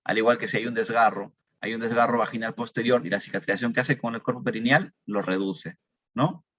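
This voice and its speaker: A man's voice: mid-range voice, steady tone, a little fast, a bit bright, dry recording. A man teaching a medical class, explaining step by step, asking questions and answering them himself. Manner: explanatory, repeats key numbers, asks and answers own questions. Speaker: medical lecturer. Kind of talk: recorded medical lecture. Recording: dull dry lecture recording.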